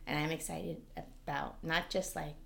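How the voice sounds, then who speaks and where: A woman co-hosting a podcast in casual chat, talking in an animated way with lots of fillers. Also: deep voice, normal speed, vocal fry, reverberant. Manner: chatty, animated, frequent "like" fillers. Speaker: podcast co-host.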